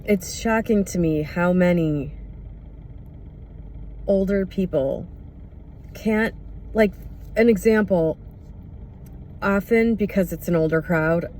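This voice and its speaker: A person thinking out loud in a casual, reflective monologue, candid and often pausing to search for words. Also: medium pitch, a little hiss or hum. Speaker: podcast or vlog host.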